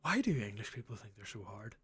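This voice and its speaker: A man's voice: fairly low pitch, sing-song, brisk, fairly bright tone, breathy edge. A man co-hosting a comedy podcast, riffing crudely and swearing often. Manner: crude, swearing, riffs on jokes. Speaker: co-host. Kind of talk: comedic radio-style podcast banter.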